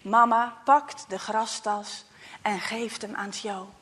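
A woman narrating a children's story softly, often dropping to a hush and then lifting with expression. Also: mid-range voice, slow pace, husky, long reverb tail. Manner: soft, often hushed to a whisper, expressive.

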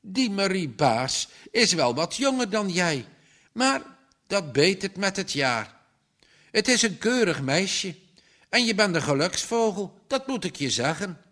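Storybook housekeeper woman, caring and fussy, put on by a male reader; pitched up, unhurried. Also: big pitch swings, sharp tone, full character voice. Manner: caring, scolding.

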